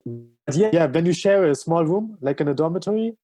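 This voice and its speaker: A man's voice: on the high side, lively intonation, fairly quick, warm tone, faint music behind. A German man as a podcast guest in casual chat, speaking enthusiastically with frequent fillers.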